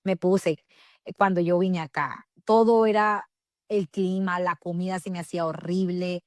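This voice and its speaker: A woman's voice: fairly low pitch, normal speed, no echo, clean studio sound. Candid Salvadoran woman telling her story. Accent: Salvadoran Spanish. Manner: candid, animated storytelling with frequent fillers and self-corrections. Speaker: podcast guest. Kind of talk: personal storytelling in an interview.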